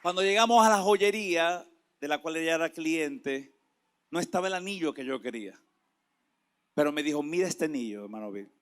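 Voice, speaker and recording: Fiery high-voiced male preacher. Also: moderate pace, pauses often. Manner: impassioned, swings from hushed to shouting. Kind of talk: sermon.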